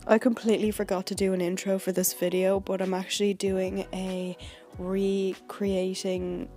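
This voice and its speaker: A woman's voice: medium pitch, flat delivery, moderate pace, dark tone. Chatty woman vlogger over light music. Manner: chatty, informal. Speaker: beauty vlogger. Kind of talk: casual tutorial narration.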